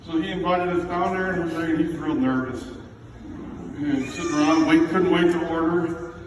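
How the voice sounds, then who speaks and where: In a large, very echoey indoor reception room, a middle-aged man gives a father of the bride speech to the guests, picked up from a distance over clear background noise. He sounds plainspoken, heartfelt and slightly halting, a little high with a level tone.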